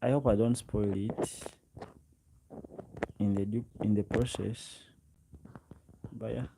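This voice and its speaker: Reading and answering viewer comments on his livestream, a man in his twenties with a Ugandan accent talks directly to his audience and frequently repeats himself. His voice sits on the low side, gravelly and mellow.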